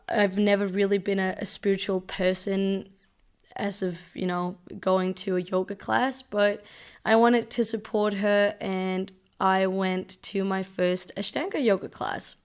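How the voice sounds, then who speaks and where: A woman in her twenties from Denmark, hosting a podcast and talking in a gentle, reflective way. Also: mid-range voice, smooth. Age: 20s. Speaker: podcast host. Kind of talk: casual solo podcast talk.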